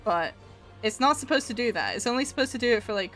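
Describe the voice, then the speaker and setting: A Scottish woman in her 20s with a mixed Scottish-Canadian accent streams herself drawing, chatting casually over faint music. Her voice is fairly high, a bit bright, animated and fast. She giggles and laughs often while answering her chat out loud.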